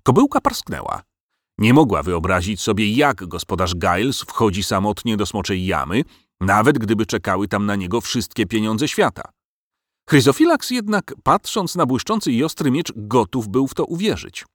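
A man narrating a storybook in an expressive, measured way. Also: on the low side, dry recording, studio quality.

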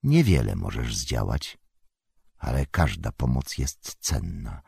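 A grim, watchful ranger speaks low and measured in a storybook reading, as a man reads him out. The voice is deep, husky and gravelly. It sounds close and dry. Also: sing-song, darkish tone, no room sound, full character voice. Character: grim watchful male ranger, calm and wry.

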